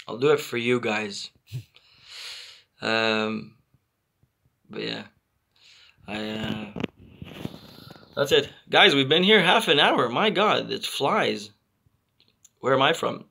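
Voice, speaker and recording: A man in his thirties from Israel, hosting a casual live stream and answering viewer comments with halting, repetitive phrasing and many fillers. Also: mid-range voice, gravelly, sharp tone. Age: 30s. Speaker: channel host.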